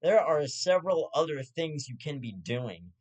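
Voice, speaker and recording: A man's voice: a little high, sing-song, normal speed, a little mellow. Young guy ranting on his own show, swears a lot, trips over his words, half joking. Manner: profane, rambling, stammering restarts, half-joking. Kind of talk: ranting casual commentary.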